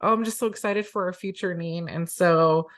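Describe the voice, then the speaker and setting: A woman's voice: fairly low pitch, normal speed. A woman hosting a casual podcast, chatting playfully with her best friend and laughing often. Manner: giggly, playful. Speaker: podcast host.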